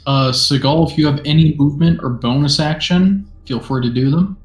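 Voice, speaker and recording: A man narrating as game master of a tabletop game in a relaxed, self-deprecating way. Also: on the high side, normal speed. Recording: echoey room.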